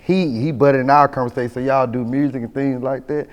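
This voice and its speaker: A Southern man, born in Mississippi and raised in Atlanta, tells stories in a casual interview as a member of a rap group. His mid-range voice moves briskly and animatedly, full of slang and repeated "you know what I'm saying," captured as dull audio in a reverberant room.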